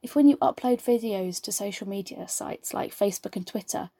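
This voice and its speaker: A woman working as a live sign language interpreter, voicing a deaf speaker's words in the first person with a steady, measured delivery. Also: medium pitch, slightly rough, no echo, clean studio sound.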